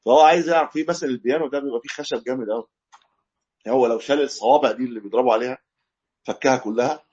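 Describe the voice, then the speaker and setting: A man's voice: mid-range voice, rapid-fire, a little mellow, slightly rough. A man with an Egyptian accent giving a live class lecture, explaining in a conversational way, answering questions and correcting himself as he goes. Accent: Egyptian Arabic. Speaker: religious teacher. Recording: dull lo-fi recording.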